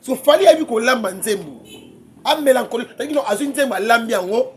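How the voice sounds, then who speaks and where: A man, debating music as a guest commentator, excitable and quick to laugh, often repeating his words. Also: very high voice, slight background noise. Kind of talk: heated casual debate.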